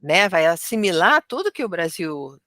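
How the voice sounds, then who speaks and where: A woman with a Brazilian accent discussing religion in a study group, chatty and filling pauses with little tags. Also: fairly low pitch, very animated, pushed and bright, no echo, clean studio sound. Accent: Brazilian Portuguese. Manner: chatty, fills with "né" and "tal".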